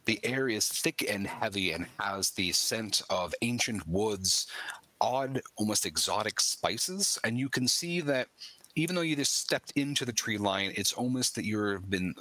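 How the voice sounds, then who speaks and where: A man running a tabletop game, voice low and bright, with a dry close sound. He narrates haltingly, peppered with ums and uhs. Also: lively intonation, dry recording. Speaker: game master.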